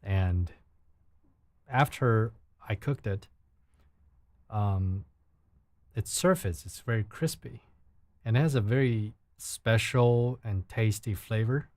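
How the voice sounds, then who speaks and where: Speaking with a Chinese accent, a young man from China whose first language is Mandarin hosts a relaxed late-night livestream from home, often repeating himself while reaching for English words. His voice leans low and a little mellow, with no room sound.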